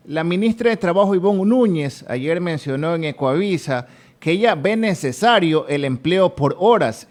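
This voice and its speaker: A man interviewing a guest on news radio, putting questions in a courteous, conversational way. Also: a little high.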